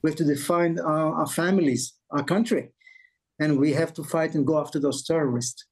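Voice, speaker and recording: Israeli-accented pastor, 50s, webcam guest, earnest, hesitant, a touch high-pitched. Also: male voice, steady tone, slightly rough, rough recording. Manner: earnest, halting with many fillers. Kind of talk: interview guest on video call. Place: home office, indoors. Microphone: video call webcam.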